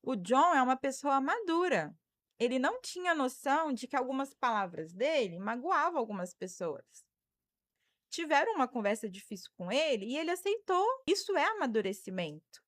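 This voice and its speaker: A Brazilian woman in her thirties talks through a live stream as a psychologist, answering viewer comments and thanking people by name. Her voice sits a little high, and the sound is close and dry. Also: big pitch swings, normal speed, no room sound. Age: 30s. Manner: warm advice-giving, thanks viewers by name.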